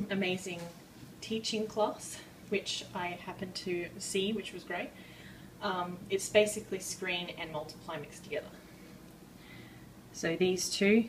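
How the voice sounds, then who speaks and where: A woman giving a casual drawing tutorial, rambling and self-deprecating with many fillers, a bit out of breath and clearing her throat. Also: lowish voice, recorded from a distance, noisy background. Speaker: art tutorial maker.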